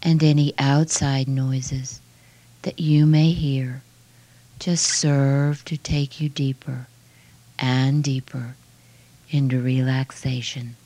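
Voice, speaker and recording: Very low, slow, soft hushed woman. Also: little pitch movement, no room sound, rough recording. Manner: soft, hushed and soothing, breathy at phrase ends; slow, measured phrases with long pauses. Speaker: relaxation guide. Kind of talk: guided relaxation meditation.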